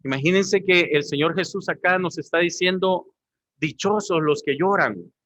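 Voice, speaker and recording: A man's voice: high voice, normal speed, a bit bright, no echo. A man preaching a sermon as pastor, often calling his listeners brothers. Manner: preaching, addressing the congregation as brothers.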